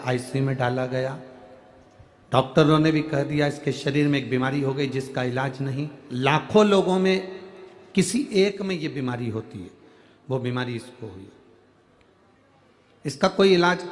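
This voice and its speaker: A man preaching a devotional sermon to a large crowd, reading out a letter and speaking with emotion, his voice swelling on key words. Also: fairly high pitch. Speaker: kathavachak preacher. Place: large crowded outdoor religious gathering.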